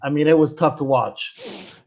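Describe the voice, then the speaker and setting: A man's voice: on the high side, measured pace, darkish tone. A man chatting casually and emphatically about sports as a podcast guest. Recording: dull lo-fi remote microphone.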